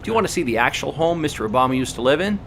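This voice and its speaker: A man from Russia reading a scripted voice-over for a travel vlog, in an even, informative tour-guide manner. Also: on the high side, racing, a little hiss or hum.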